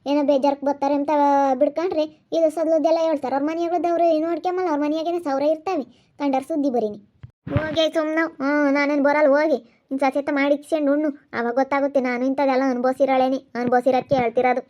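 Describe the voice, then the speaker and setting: A woman playing a quarrelsome, sharp-tongued village woman in an amateur skit. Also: high voice, fairly even intonation, close to an everyday voice. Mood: scolding. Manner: scolding, rapid back-and-forth bickering. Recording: dull lo-fi audio.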